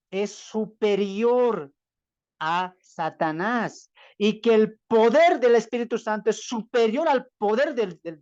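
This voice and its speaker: A man's voice: high-pitched, a little mellow, dry recording. Emphatic man preaching over a dull call. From Bolivia. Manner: emphatic, asks the listeners rhetorical questions and answers them. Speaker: Bible teacher. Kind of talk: preaching-style Bible lecture. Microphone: video call. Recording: dull, dry, lo-fi video-call audio.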